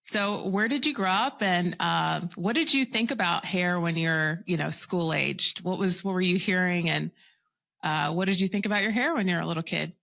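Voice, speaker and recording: A woman hosting a podcast, talking with an enthusiastic, encouraging manner. Her voice sits low in pitch but has a bright, forceful edge. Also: moderate pace, creaky. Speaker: podcast host. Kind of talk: casual interview chat.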